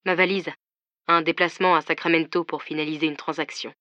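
A woman voicing a tender, confident man who courts his partner by phone, hushed and soft in an audiobook reading. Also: sits low, steady tone, a little fast, dry recording, lo-fi sound.

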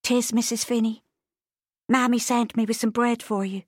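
Woman doing teenage farm girl, high, soft, eager, polite. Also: steady tone, normal speed, no echo, clean studio sound, natural voice. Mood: earnest. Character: anxious fourteen-year-old Irish farm girl.

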